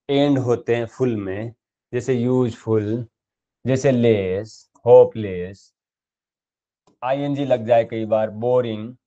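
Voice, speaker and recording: A man's voice: mid-range voice, dark tone, muffled recording. A man teaching English grammar, stretching out each example word and checking in often with his listeners. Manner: explains step by step, says example words slowly and drawn out; checks in often with "thik hai" and "dekho". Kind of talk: grammar lesson.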